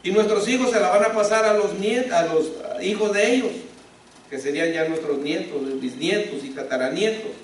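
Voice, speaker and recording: A man delivers an emphatic sermon in a fairly high voice, firing off rhetorical questions at the congregation. He sounds set back from the microphone, and his voice rings through a very echoey church hall over a faint room hum. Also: moderate pace. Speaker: pastor. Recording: echoey hall, speaker far from mic.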